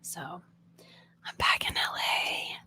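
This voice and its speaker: A young woman from Oklahoma hosts an ASMR live stream, chatting with viewers in a soft whisper, answering their questions, and laughing often. She draws out her words, and the audio comes through a phone microphone.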